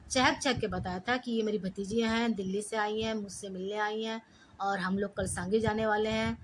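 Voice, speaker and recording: A middle-aged woman telling a personal story in the first person, lively and acting out the dialogue. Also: on the high side, slight background noise, poor audio.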